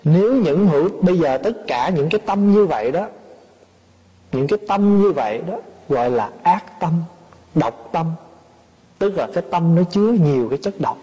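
A man's voice: a little high, animated, normal speed, dark tone, breathy edge, lo-fi sound. A man giving a Buddhist dharma talk, patiently explaining a sutra with everyday examples and questions. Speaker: Buddhist teacher. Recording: long hall reverb.

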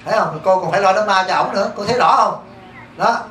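Monk with a Southern Vietnamese accent, a male teacher preaching in a temple hall; high, quick delivery, echoey room, caught from a distant mic. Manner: lively, keeps asking the audience rhetorical questions. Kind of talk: dharma talk to a congregation.

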